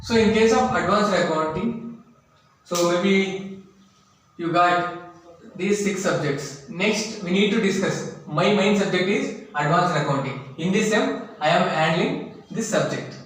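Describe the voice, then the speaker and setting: A man giving a college classroom lecture, deliberately repeating items for note-taking, recorded from a distance in an echoey room. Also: sits high, lively intonation, a bit bright. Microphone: distant from the speaker. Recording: echoey room, distant mic, faint noise.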